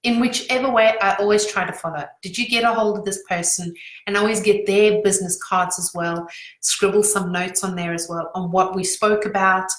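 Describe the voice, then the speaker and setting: A middle-aged woman giving casual advice as a business coach, chatty and acting out quick quoted voices, her voice a little worn. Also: medium pitch, fairly bright tone, echoey room, rough recording. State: slightly losing her voice. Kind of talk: casual talking-head advice.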